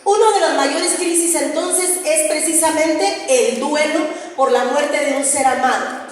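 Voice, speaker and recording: Speaking at a measured pace in a high voice, this middle-aged preacher and singer addresses a women's group with earnestness, guiding them to read along. It was recorded on a distant mic in an echoey hall with faint ambience.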